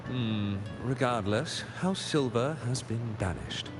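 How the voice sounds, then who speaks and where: A man's voice: medium pitch, animated, takes it slowly. An actor playing a shrewd male manager making a deal, blunt and businesslike. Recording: game audio with music behind.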